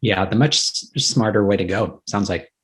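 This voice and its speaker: A man's voice: on the low side, moderate pace, fairly bright tone. A man interviewing a guest, asking questions and affirming the answers with some hesitant restarts.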